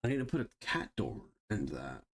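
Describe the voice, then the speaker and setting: A man with a lowish voice gives loose, live commentary over a game stream. His pitch swings widely as he muses, mutters to himself and drops sarcastic, profane asides. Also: very animated, brisk, gravelly, breathy edge. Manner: chatty, swears freely, sarcastic asides; talks to himself while browsing and fiddling. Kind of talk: casual live gameplay commentary.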